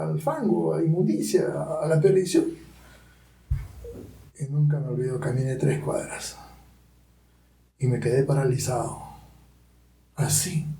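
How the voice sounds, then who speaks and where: A man's voice: a little high, dark tone. A middle-aged man with a Peruvian Spanish accent, a pastor telling his personal testimony as a dramatic storyteller who often adds tag questions. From Peru. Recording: roomy sound from a distant mic.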